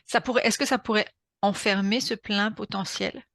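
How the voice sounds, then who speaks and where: A woman with a French accent, calmly guiding a session with questions and short murmurs of encouragement. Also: medium pitch, moderate pace, dry recording, clean studio sound. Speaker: session guide.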